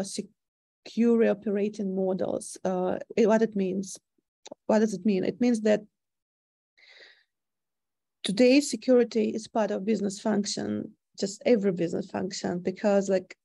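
A woman from Russia speaks English with a Russian accent, her voice dark and heavy with vocal fry. She presents over a video call in a hesitant, thoughtful way, pausing on fillers. A conference talk delivered from home. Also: medium pitch. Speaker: cybersecurity consultant presenting.

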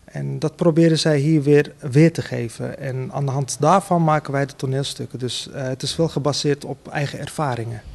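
A man, a theater director, answering interview questions earnestly with many pauses and fillers. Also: medium pitch, gravelly, darkish tone.

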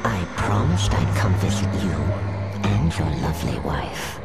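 A sinister old woman spirit in a horror game. Her voice is very low and thick with gravel, dragging out commands with domineering menace under loud music. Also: expressive, unhurried, exaggerated voice. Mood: menacing. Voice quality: gravelly, creaking.

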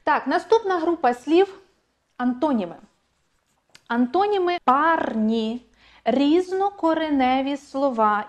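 A female teacher runs an online exam-prep language lesson, speaking clearly and repeating key points for emphasis. Her voice is a little high.

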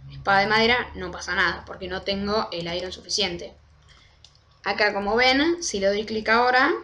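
A young woman, casually walking through a game tutorial step by step and slowing down to spell out commands. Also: medium pitch, bright, forceful tone, slight background noise. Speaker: Minecraft tutorial creator. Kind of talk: casual screen-recorded tutorial.

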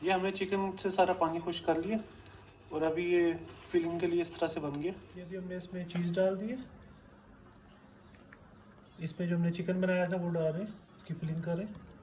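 A man's voice: high-pitched, steady tone, normal speed, pauses often, a little mellow, a little hiss or hum, poor audio. A man talking through a home cooking recipe step by step. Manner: plain step-by-step explaining. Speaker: cooking channel host. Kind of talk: cooking tutorial voice-over.

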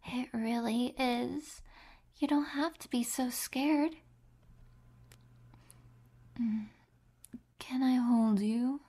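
In a whispered audio roleplay, a woman voices two doting, possessive young female captors, cooing softly with lots of pet names. Her whisper is husky and fairly high-pitched, and the performance is heavily acted.

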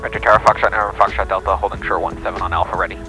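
Sex: man. Role: pilot. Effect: voice heard over the aircraft radio. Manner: clipped, very fast readbacks, very low voice. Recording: clear music underneath. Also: fairly even intonation, poor audio. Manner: clipped radio phraseology, reads back clearances. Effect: pilot talking over the aircraft radio. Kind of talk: radio calls to air traffic control.

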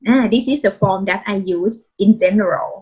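A woman's voice: mid-range voice, drawn-out words, darkish tone, breathy edge, highs cut off. A woman with a Thai accent teaching a language class over a video call, patient and encouraging with constant praise and polite particles. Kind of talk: online Thai lesson, mixing Thai and English.

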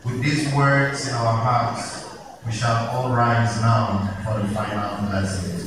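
A man's voice: mid-range voice, flat delivery, slow. A man making formal announcements as master of ceremonies at Mass. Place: large cathedral during ordination Mass. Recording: very echoey hall, distant, crowd noise.

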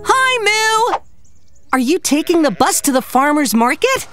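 Kids' cartoon: an upbeat panda teacher, slow and animated, asks viewers questions, music under. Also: male voice, very high voice, heavily acted. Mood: cheerful. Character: kindly panda doctor teacher, patient and upbeat. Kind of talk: children's cartoon narration. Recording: voice over loud background music.

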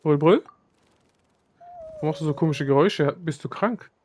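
A man's voice: fairly high pitch, normal speed, a little mellow, a little hiss or hum, close to an everyday voice. A man reading aloud the lines of a woman who looks after young saurians. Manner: reads game lines aloud, with slips.

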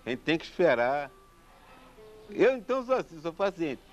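A man's voice: fairly high pitch, normal speed. A man with a Brazilian Portuguese accent, a samba composer, telling a story casually and acting out the people in it. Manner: animated, acts out the people in his story. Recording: dull lo-fi recording with faint guitar.

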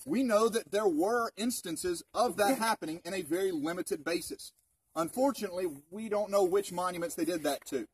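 Out in open woods, a thirties-aged male park ranger chats through an informal history talk for a group, leaning on rhetorical questions. His voice is high, fairly bright, and husky. The sound comes from a camera a few metres off, with a distant outdoor mic.

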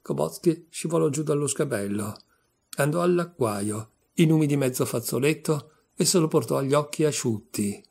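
A man reading a literary short story aloud with steady, measured narration. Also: a little high, vocal fry, breathy edge. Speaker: audiobook reader.

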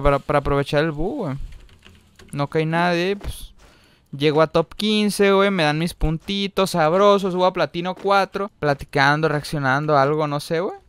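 A young man with a Mexican Spanish accent giving casual gameplay commentary, full of slang and breaking into loud excited yelling. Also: on the high side, clear, resonant tone, no room sound. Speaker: gaming streamer.

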